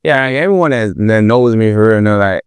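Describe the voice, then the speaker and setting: A man's voice: lowish voice, lively intonation, brisk, clear, resonant tone, no echo. A man from Nigeria with a Nigerian accent, hosting a casual chat in a joking, goofy way. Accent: Nigerian English. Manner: goofy, joking, switches registers. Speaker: podcast host.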